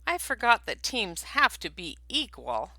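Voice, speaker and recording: A woman voicing a small, brave female mouse in a storybook, with a high, earnest, squeaky voice. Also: huge pitch swings, a little slow, pushed and bright, dry recording, exaggerated voice.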